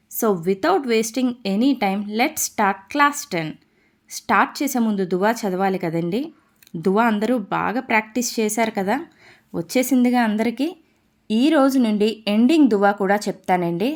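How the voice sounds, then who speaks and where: A woman teaching an online lesson, talking slowly so students can write things down, and reciting letters in steady drills. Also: mid-range voice. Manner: slow, dictating pace for note-taking. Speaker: Arabic teacher.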